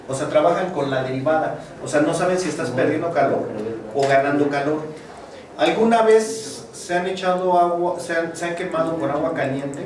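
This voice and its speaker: A man with a fairly high voice and a Mexican Spanish accent teaches a university math class in a large classroom, chatting and cracking jokes between explanations. The recording is distant and echoey, with students murmuring and background noise.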